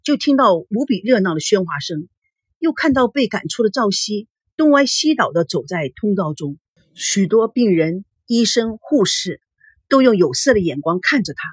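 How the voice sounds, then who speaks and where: A woman reading a novel aloud in a dramatic, animated storytelling manner. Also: medium pitch, normal speed, slightly rough, no echo, clean studio sound. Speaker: audiobook reader.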